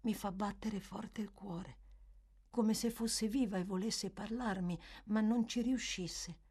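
Woman voicing a frail shy little boy, soft and hesitant, hushed, audiobook. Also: medium pitch, normal speed, natural voice. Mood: timid. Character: frail, timid young orphan boy.

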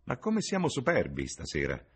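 A man voicing a coarse, mocking woman from an opium den, with a raspy, shrill jeering voice. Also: wildly swooping pitch, moderate pace, full character voice.

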